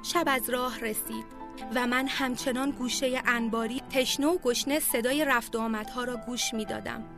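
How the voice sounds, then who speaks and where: A woman with a high voice reads a personal memoir in a heartfelt, measured way. Soft music plays faintly behind her as she tells the story. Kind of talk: emotional memoir narration.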